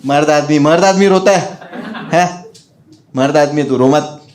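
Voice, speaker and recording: A man doing stand-up, telling a childhood story in an animated way and acting out his friends' voices. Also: a little high, unhurried. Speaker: stand-up comedian.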